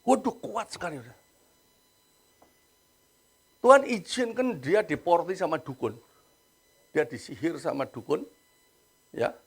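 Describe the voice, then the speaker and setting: Male preacher, gravelly and husky, lively storyteller. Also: a little high, measured pace, long pauses. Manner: animated storytelling, acts out quoted voices. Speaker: pastor. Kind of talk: sermon.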